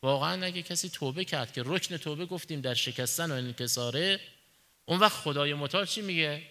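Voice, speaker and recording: Bright-voiced male preacher in a reverberant hall. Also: on the high side. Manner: poses rhetorical questions and answers them himself; tells illustrative stories in everyday speech. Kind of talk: sermon.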